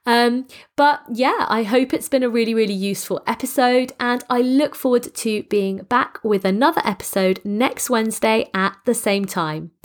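A woman hosting a solo coaching podcast in an earnest, emphatic way, with a congested, slightly croaky, stuffy-nosed voice. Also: on the high side, normal speed, hardly any pauses. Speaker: podcast host and business coach.

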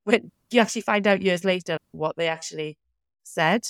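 A woman's voice: on the low side, moderate pace, no room sound, studio quality. A woman from the South Wales Valleys with a Welsh Valleys accent, chatting casually and informally as a podcast co-host in a down-to-earth way. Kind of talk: casual chat.

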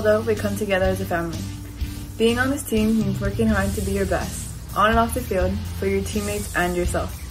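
A woman's voice: mid-range voice, poor audio. Teenage girl reading a team introduction. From Hawaii. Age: teens. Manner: steady, reading from a script. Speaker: softball player.

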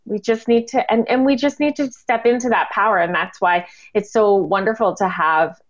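A woman's voice: medium pitch, normal speed. A woman in her thirties hosting a casual panel chat on a video call, upbeat, chatty and agreeable. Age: 30s. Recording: dull lo-fi call audio.

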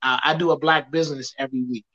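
A man's voice: mid-range voice, fairly even intonation, quick pace, bright, forceful tone, highs cut off. A man hosting a live talk show, chatting casually and energetically with his guest. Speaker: show host.

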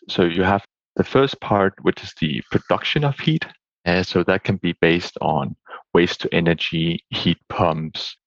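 Deep-voiced guy, 30s, explaining things w some uhs, dry dull sound. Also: no echo. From Denmark. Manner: explanatory, with fillers. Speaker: guest expert. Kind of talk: interview answers.

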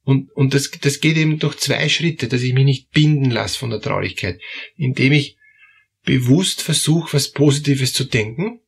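A man's voice: medium pitch, moderate pace, vocal fry, slightly rough. A man giving a spoken self-help monologue, hesitant, with many fillers and repeated words.

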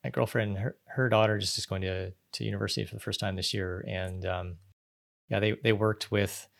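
A man hosting a podcast interview, chatting in a relaxed, halting way and repeating words. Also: on the low side, gravelly. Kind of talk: casual interview chat.

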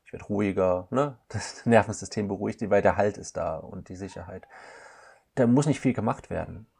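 Creaky low-voiced man, reflective. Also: a little fast, warm tone. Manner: thoughtful, searching, frequent hesitations. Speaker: couples counselor guest. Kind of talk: reflective podcast conversation.

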